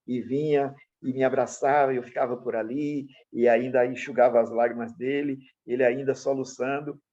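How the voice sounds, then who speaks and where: In a muffled recording, a middle-aged pastor with a Brazilian Portuguese accent preaches an animated teaching sermon at a moderate pace. His voice is mid-range, and he fills the talk with personal stories, voicing characters in changed voices.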